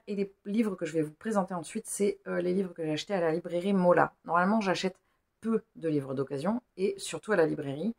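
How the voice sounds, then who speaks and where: A woman's voice: fairly low pitch, a little mellow. A woman chatting casually in a book haul vlog, rambling and talking to herself in little asides. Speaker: book YouTuber.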